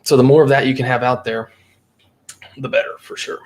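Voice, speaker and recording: A man talking casually as a guest on a podcast, lively and acting out what customers would say. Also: medium pitch, brisk. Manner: animated, acts out quoted customers. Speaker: marketing agency guest.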